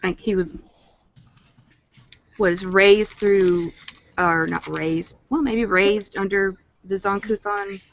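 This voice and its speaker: A woman's voice: mid-range voice, fairly even intonation, slow pace, pauses often, slight background noise. A woman chatting casually about a tabletop game, asking questions and snacking as she talks. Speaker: tabletop player. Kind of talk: casual chat. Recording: dull lo-fi stream audio.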